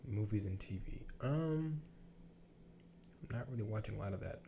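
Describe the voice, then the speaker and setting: Sleepy, laid-back man with a dark voice. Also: fairly low pitch, animated, moderate pace, a little hiss or hum. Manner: laid-back, rambling, trails off. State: sleepy, yawning. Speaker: podcast co-host. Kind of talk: casual chat.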